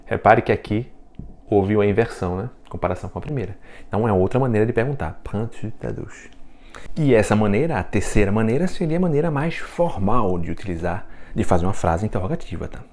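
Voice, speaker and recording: A man's voice: fairly low pitch, expressive, fast, a little mellow. A man with a Brazilian Portuguese accent giving a casual video lesson as a French teacher, joking and laughing at his own puns and checking in with the viewer as he talks. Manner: chatty, checks in with "né?" and "tá?".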